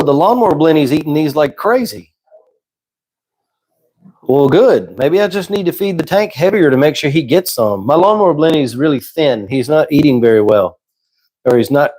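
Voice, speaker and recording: His voice sits on the high side with a breathy edge, moving at normal speed. He's hosting a laid-back livestream, talking casually and fielding chat questions even as his voice gives out.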